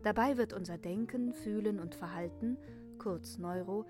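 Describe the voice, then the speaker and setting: A woman giving a measured, scripted narration that explains a topic and tells a fairy tale. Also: medium pitch, music in the background.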